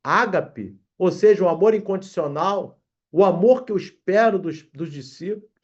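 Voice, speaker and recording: A man's voice: high voice, moderate pace, lo-fi sound. A man preaching a sermon, reading scripture aloud and calling his listeners brothers. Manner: addresses congregation as brothers, reads scripture aloud.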